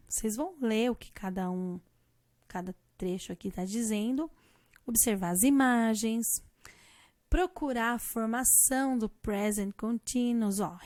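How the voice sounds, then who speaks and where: A Brazilian woman teacher walks through a grammar lesson with a slightly high voice, taking her time over every word. She spells letters out patiently and the sound is close and dry, with no room around it. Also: warm tone, dry recording. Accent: Brazilian Portuguese. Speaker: English teacher.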